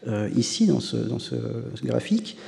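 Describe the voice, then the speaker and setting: In a lecture hall with long reverb, a university professor presents a conference talk with slides at normal speed. His medium-pitched voice is dark and sing-song with vocal fry, and he comes across as hesitant, often restarting and saying "euh."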